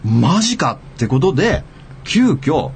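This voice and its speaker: Animated male radio storyteller. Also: a little high, unhurried, vocal fry, a little hiss or hum. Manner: animated storyteller acting out quotes. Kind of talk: casual radio chat.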